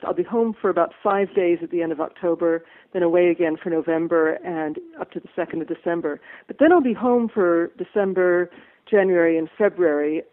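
A middle-aged woman with a mixed American and Irish accent, a musician chatting on a phone interview, upbeat and quick to laugh. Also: on the low side. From USA. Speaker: musician guest. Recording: tinny phone line.

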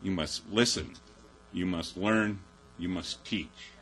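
A man's voice: sits low, slow, fairly bright tone, poor audio. A man speaking as an activist at a public gathering, earnest and repetitive, building up to a message. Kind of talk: public speech.

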